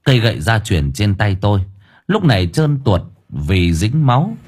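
A man narrating a first-person audiobook story in a dramatic, lively way. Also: fairly low pitch, moderate pace, husky.

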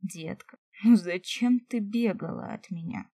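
A woman voicing an elf possessed by a fire spirit, speaking slowly, low and quietly, in an audiobook. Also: big pitch swings, creaky, no echo, full character voice. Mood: tender.

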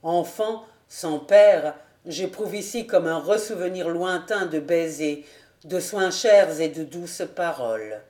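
A woman's voice: lowish voice, expressive, slow, dark tone. A woman reading aloud as a tender, dreamy young male captain, speaking wistfully. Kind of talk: audiobook reading. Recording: roomy echo.

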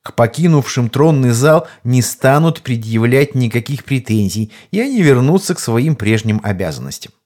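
A man reading an audiobook, voicing a weary male archmage who explains things gravely and with a slightly apologetic tone. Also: medium pitch, lively intonation, moderate pace, hardly any pauses, a little mellow, lightly acted. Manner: explaining gravely, somewhat glum.

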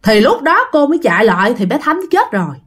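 A woman's voice: a little high, very animated, quick pace, fairly bright tone, breathy edge. A woman telling a ghost story in a chatty way, often addressing her listeners.

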